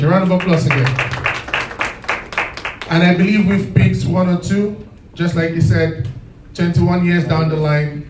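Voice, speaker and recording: A man hosting a live event, lively and encouraging, calling for applause. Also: fairly high pitch, slight background noise. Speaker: event host. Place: event hall. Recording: roomy sound from a distant mic.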